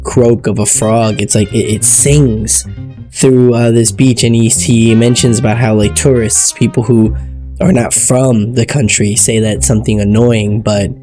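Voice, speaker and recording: Male TV episode reviewer from Ecuador, loose and rambling, music clearly audible underneath. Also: mid-range voice, fairly even intonation, a little slow, warm tone. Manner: rambling, searching for words. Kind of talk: casual review commentary. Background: music playing.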